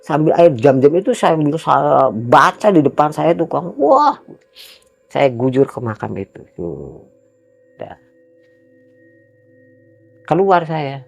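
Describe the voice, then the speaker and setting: A man from Cirebon telling his own experience in a casual interview, earnest and emphatic, often halting and repeating words, his voice jumping up when he gets indignant. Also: on the high side, very animated, vocal fry, faint music behind. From Cirebon, West Java, Indonesia.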